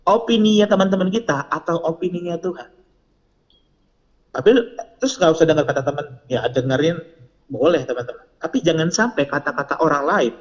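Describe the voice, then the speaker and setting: A man leads a casual youth devotion, speaking in a chatty, slangy way and tossing questions to his listeners. His voice sits somewhat high for a man. The recording sounds muffled and lo-fi. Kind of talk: casual youth sermon and prayer.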